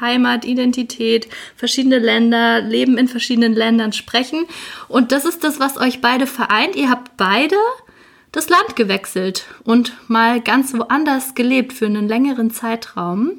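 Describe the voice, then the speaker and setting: Enthusiastic woman host with vocal fry. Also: a little high. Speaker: podcast host. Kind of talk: casual interview chat.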